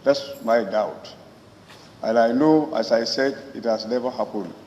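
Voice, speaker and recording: A man with a Gambian accent, a member of parliament, gives a parliament speech in deliberate, halting phrases. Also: mid-range voice, darkish tone. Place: large parliament chamber. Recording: echoey hall, muffled, faint noise.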